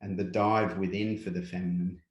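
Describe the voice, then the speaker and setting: An Australian man with a lowish voice talks through ideas in an unhurried, reflective way, often dropping in "yeah" and "yep". His voice carries a noticeable room echo. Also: level tone, a little mellow, highs cut off, a little hiss or hum. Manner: unhurried, filler-heavy, repeats "yeah" and "yep". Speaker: guest speaker, workshop presenter. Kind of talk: reflective conversational interview.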